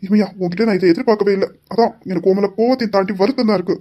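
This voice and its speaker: A man playing a fast-talking, devoted young husband. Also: high-pitched, natural voice. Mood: reproachful. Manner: gently reproachful, explaining at length. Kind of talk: hobby audio drama acting.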